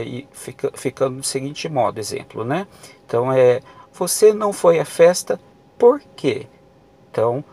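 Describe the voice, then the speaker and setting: A man's voice: mid-range voice, gravelly, a little mellow. A man teaching a grammar lesson for exam prep, explaining patiently with many fillers and restarts.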